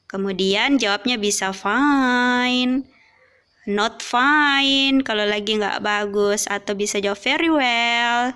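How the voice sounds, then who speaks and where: Young adult woman teacher, patient step-by-step explainer, higher voice, slow delivery. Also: sharp tone, clean tone. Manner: patient, explains step by step, reads example dialogues aloud. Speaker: English teacher. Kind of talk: classroom lesson explanation.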